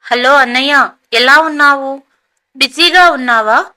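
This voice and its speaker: A woman's voice: high voice, measured pace, sharp tone. A woman voicing a devoted young wife in a storybook tale, speaking in an emotional, pleading way. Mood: cheerful.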